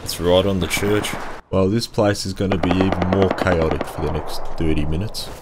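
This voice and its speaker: A man's voice: low-pitched, moderate pace, very noisy. Swearing young guy gaming. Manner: profane, swears freely, animated storytelling. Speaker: gaming YouTuber. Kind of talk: casual gameplay commentary. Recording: background music in the mix.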